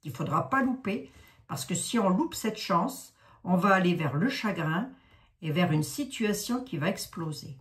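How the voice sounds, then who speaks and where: A woman's voice: lowish voice, animated, unhurried. A woman in her sixties with a Lorraine accent, reading oracle cards in a rambling, chatty way full of asides and fillers. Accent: Lorraine French. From Lorraine, France. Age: 60s. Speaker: card reader, psychic. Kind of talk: casual oracle card reading.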